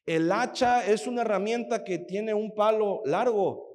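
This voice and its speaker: A man's voice: sits high, unhurried. A man preaching a sermon, telling the story vividly and asking the audience rhetorical questions. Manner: animated storytelling, acts out quoted voices. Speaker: pastor.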